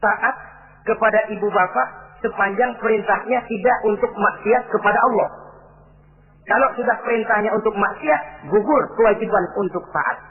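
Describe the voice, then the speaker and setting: Middle-aged male preacher, high voice, lively sermon delivery, tinny lo-fi recording. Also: normal speed. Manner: animated, acts out quoted voices.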